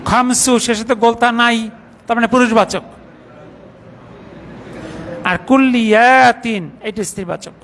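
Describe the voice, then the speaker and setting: Guy with a high voice teaching class, slow and patient, going through word forms one by one. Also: fairly bright tone, slight background noise. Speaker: Arabic teacher. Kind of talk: classroom grammar lesson. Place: mosque class.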